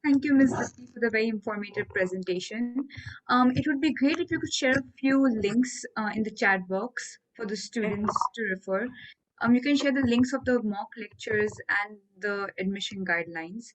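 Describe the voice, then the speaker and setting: A woman moderating an online information session, giving polite, brisk instructions. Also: fairly high pitch, rough recording.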